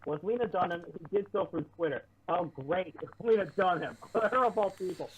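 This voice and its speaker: A man with a high-pitched, slightly rough voice reads an article aloud at normal speed on an online talk show, throwing in sarcastic asides and often stumbling and starting over. The lo-fi mic makes him sound muffled and distant, as if heard through a wall, with popping and a faint hiss.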